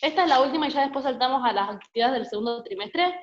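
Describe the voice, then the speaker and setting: A woman's voice: high voice, lively intonation, racing, roomy sound, muffled recording. A woman student, speaking up briefly in an online class discussion. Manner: brief replies and backchannels. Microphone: video call.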